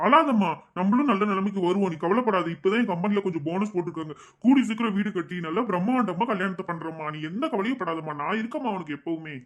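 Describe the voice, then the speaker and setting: A man's voice: sits high, animated, fast, few pauses, fairly bright tone. Man voicing an earnest young cartoon son. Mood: soothing. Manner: soothing, earnest. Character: young working son, mid-twenties, responsible and kind.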